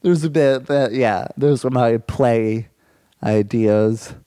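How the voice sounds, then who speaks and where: A man co-hosting a comedy podcast in casual chat. He rambles excitedly and often restarts his sentences. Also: mid-range voice, slow, clear, resonant tone.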